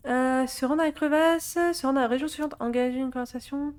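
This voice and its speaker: A young woman streaming a game, chatting to her chat and reading game dialogue aloud, excitable and quick to laugh. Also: sits high. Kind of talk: gameplay let's play commentary.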